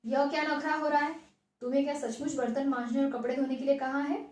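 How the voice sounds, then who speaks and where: A woman's voice: sits high, flat delivery, quick pace, darkish tone, natural voice. A woman reading as a stern scolding mother. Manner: scolding, then wryly resigned. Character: scolding middle-aged mother, wry and stern. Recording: echoey room.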